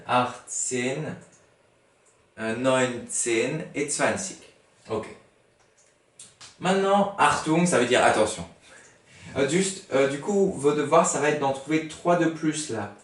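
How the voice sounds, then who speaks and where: A man teaching a lesson, spelling words out letter by letter and patiently repeating each one as he thinks aloud. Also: medium pitch. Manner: patient, repeats each word several times. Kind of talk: explaining a language lesson to a class. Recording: echoey room, voice far from the mic.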